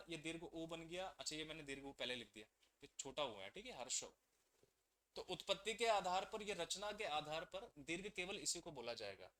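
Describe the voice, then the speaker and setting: A man with a high, ringing voice teaches an exam-prep class. He keeps throwing questions at the students and answering them himself, and the bright edge of his voice carries through the lesson.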